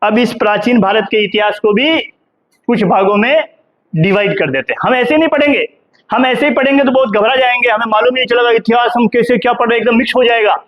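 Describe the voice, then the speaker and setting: Man, high pitch, from India, middle-aged, history professor, classroom lecture, questions the students, keeps adding "hai na". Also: fast talker, lo-fi sound. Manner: asks the class questions and answers them himself.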